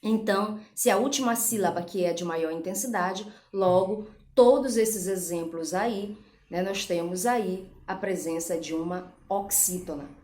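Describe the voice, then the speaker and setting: A woman's voice: medium pitch, measured pace, darkish tone. A woman teaching a recorded school lesson, patiently stressing each example syllable and checking in with "tá certo?". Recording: echoey room.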